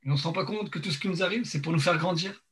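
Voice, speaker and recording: A man teaching an informal religious lesson, speaking haltingly and searching for words, his mouth half numb from dental anaesthetic. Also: a little high, a bit bright. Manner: hesitant, repeats and searches for words.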